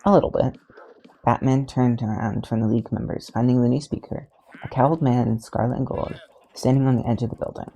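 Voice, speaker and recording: Podfic reader, gravelly, husky, mellow, steady fan fiction narration. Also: medium pitch, brisk, low-quality recording.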